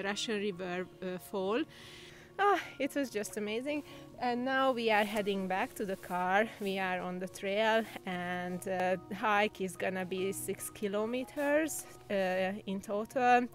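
Slow-talking woman vlogging outdoors. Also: medium pitch. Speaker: travel vlogger. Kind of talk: casual spoken vlog chat. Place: outdoors on a forest trail. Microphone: handheld camera at arm's length.

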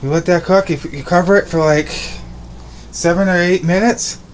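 A man's voice: high-pitched, fairly even intonation, moderate pace, slight background noise. A young man vlogging casually as he cooks at home, upbeat and rambling, repeating his words, filmed on a phone held at arm's length. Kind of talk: casual cooking vlog. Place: small home kitchen and bedroom indoors. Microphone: phone camera at arm's length.

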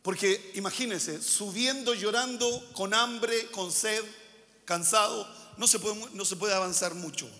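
A male pastor delivers a sermon, circling back to key phrases and posing questions to the congregation. His voice sits high and sounds bright and forceful. The long reverb of a church hall trails behind every word. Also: unhurried. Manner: preaching with repeated phrases and rhetorical questions.

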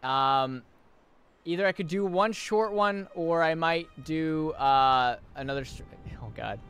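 A man's voice: on the high side, slow, fairly bright tone, clean tone. A man giving casual, rambling live-stream commentary on a game, amused and often repeating himself.

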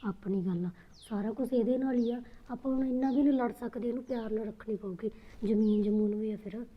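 An actress playing a greedy sister-in-law who gossips and plots over land. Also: female voice, fairly high pitch, fairly even intonation, brisk, dull audio, close to an everyday voice. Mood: scheming. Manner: gossiping, scheming. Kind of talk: Punjabi family drama acting.

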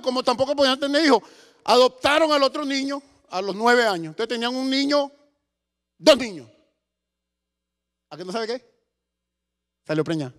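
A middle-aged man with a Venezuelan accent preaching a sermon in a church, impassioned, swinging between loud bursts and hushed asides. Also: very high-pitched. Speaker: pastor. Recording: echoey church hall.

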